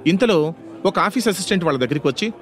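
A man's voice: high voice, expressive, quick pace, fairly bright tone, faint music behind. Male storyteller with a raised voice. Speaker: narrator. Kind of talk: scripted story narration.

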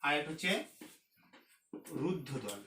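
A male teacher with a high, bright voice explains a lesson step by step. He goes slowly and repeats his key terms again and again. The room around him rings with echo. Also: lively intonation. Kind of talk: recorded classroom lesson.

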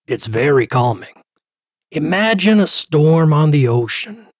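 A man doing a slow, soothing meditation therapist. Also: a little high, very animated, dry recording, studio quality, voice pushed up, full character voice. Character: calm male therapist guiding meditation.

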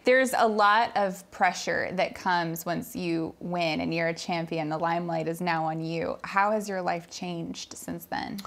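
A woman's voice: fairly low pitch, steady tone, a little slow, vocal fry, hardly any pauses, fairly bright tone. A young woman hosting an interview show, asking questions in a conversational style. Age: young adult. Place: indoor living-room style studio set.

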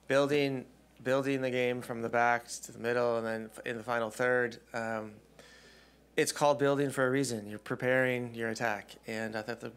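Measured man answering press questions. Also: mid-range voice, vocal fry, a bit bright, clear, resonant tone. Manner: measured, thoughtful answers with many ums. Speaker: head coach. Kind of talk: postgame press conference. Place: press room. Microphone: desk mic on stand.

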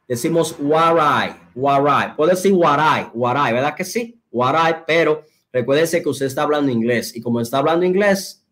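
Slow-talking man teaching English. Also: fairly high pitch. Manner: slow, deliberate, repeats phrases for drilling. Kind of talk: online English pronunciation lesson.

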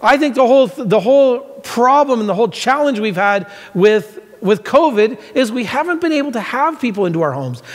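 A pastor in his forties preaching from a church stage, earnest and conversational, often repeating his phrases for emphasis. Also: high-pitched. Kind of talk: sermon. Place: large church stage with band gear. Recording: long hall reverb in a sanctuary.

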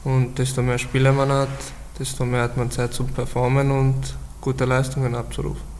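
A man's voice: mid-range voice, monotone, moderate pace, background noise. A man in his twenties, a footballer giving short interview answers in simple, repetitive phrases. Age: 20s.

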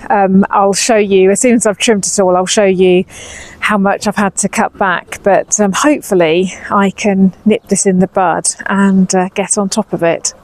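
A woman's voice: mid-range voice, level tone, moderate pace, low-quality recording. Woman, fifties, English accent, casual garden vlog, chatty, slightly anxious, outdoors, lapel mic. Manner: chatty, slightly anxious, talks while working. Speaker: vlogger.

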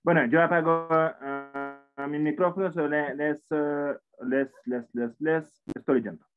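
A man in his forties, non-native in Spanish and speaking it with an accent, teaches English online at a slow pace in a somewhat high, fairly even voice with a clean tone, faint music behind him. Patient and encouraging, he often repeats himself. He's at a computer indoors, and the video-call mic sounds tinny, like a phone.

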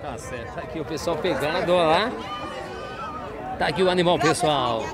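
A market reporter host strolls through a busy outdoor livestock fair, chatting with sellers and repeating their prices for viewers in a walking vlog. His voice is on the high side at a normal speed, with crowd chatter and animals all around.

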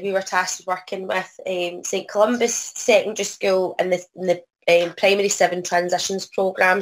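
A Scottish woman with a croaky voice from a cold, presenting informally on a video call in a hesitant, apologetic way. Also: lowish voice, a little mellow, low-quality recording. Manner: hesitant, apologetic, frequent self-interruption. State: has a cold. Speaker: presenter, arts organisation producer.

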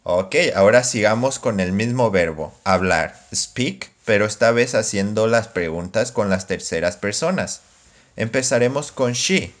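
Slow, low-voiced male English teacher. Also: lively intonation. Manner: slow, careful drilling of example phrases. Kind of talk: scripted online English lesson.

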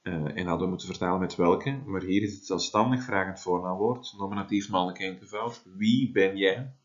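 A man's voice: deep voice, brisk, dull audio. A man, teaching a Latin translation lesson and explaining step by step with frequent tag questions. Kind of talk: classroom lesson.

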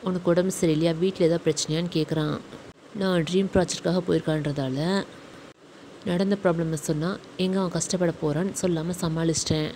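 A woman voicing Shyam, a young man who calmly and firmly reassures his family. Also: lowish voice, brisk, slight background noise, lightly acted, rough recording. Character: young husband, caring brother-in-law.

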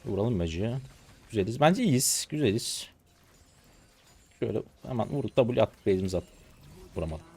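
A hoarse man in his twenties giving slangy live commentary to viewers while he plays a game. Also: fairly low pitch, sing-song, warm tone. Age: 20s. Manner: rapid slangy chatter to viewers. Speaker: gaming streamer.

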